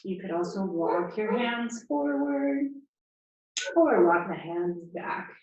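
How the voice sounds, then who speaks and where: A woman leading a yoga class, giving calm, encouraging cues and counting breaths, a little out of breath as she moves. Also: mid-range voice, takes it slowly. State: slightly out of breath. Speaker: yoga instructor. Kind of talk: guided yoga class instruction. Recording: distant, echoey, muffled room sound.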